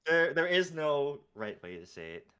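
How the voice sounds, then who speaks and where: Laid-back guest with a lively voice. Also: mid-range voice, moderate pace, clean tone. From North America. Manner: laid-back, self-deprecating, mock-serious. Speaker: guest, VTuber agency manager. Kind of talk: casual podcast chat.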